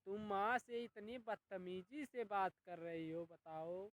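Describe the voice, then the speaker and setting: A woman putting on a low voice to play a stern husband scolding his wife. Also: takes it slowly, noisy background, natural voice. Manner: stern, reproachful.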